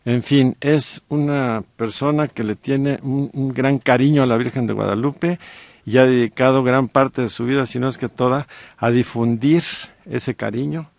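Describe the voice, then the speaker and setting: A middle-aged man with a Mexican accent, telling a story on a radio talk show with many pauses and fillers. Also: mid-range voice, fairly even intonation, gravelly, no room sound. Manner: warm storytelling with frequent fillers. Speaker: guest co-host.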